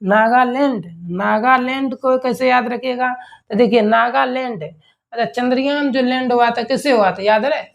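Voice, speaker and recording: A man's voice: very high-pitched, fairly even intonation, moderate pace, vocal fry. A young man teaching an online general-knowledge lesson, explaining memory tricks in an informal, chatty way that repeats key words and keeps asking rhetorical questions.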